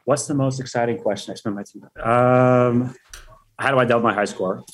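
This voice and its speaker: A man speaking as a podcast guest in a casual interview, energetic and profane, full of hype. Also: medium pitch, moderate pace.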